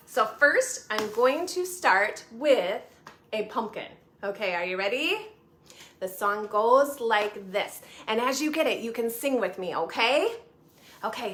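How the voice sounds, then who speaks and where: A woman librarian reads picture books to little kids, her bright high voice swooping up and down in a sing-song lilt. She takes her time and keeps asking the children questions. The sound carries a roomy echo from a room at home. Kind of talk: virtual storytime for young children.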